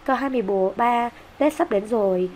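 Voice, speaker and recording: A woman teacher walking through exam answers in a brisk, explanatory way, with many fillers and an occasional cough. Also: a little high, expressive, darkish tone, slight background noise. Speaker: English teacher.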